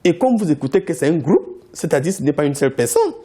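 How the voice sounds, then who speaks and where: A Cameroonian company founder who speaks English as his first language answers TV interview questions insistently, repeating his points. His pitch is lively and his voice slightly rough, and he talks fast.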